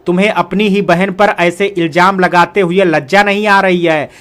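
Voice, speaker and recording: A man reading the lines of a middle-aged mother who is indulgent, protective and sharp in reproach. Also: sits high, fairly even intonation, moderate pace. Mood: reproachful.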